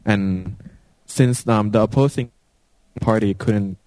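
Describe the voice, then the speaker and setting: Man, low voice, dark mellow tone, dry sound, online call audio breaking up, hesitant. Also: no echo, poor audio. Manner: hesitant, many pauses and fillers. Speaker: panelist on a video call. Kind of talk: casual chat.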